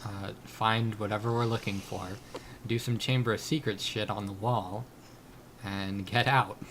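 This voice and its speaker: A man's voice: fairly low pitch, steady tone, measured pace, background noise. A man playing a tabletop game, eager and stumbling over his words in casual chat. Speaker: player.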